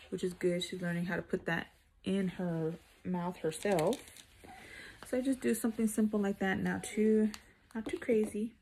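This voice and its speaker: A woman doing a casual makeup tutorial vlog, chatting in a relaxed way while she applies makeup. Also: on the low side, creaky, slight background noise. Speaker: makeup vlogger.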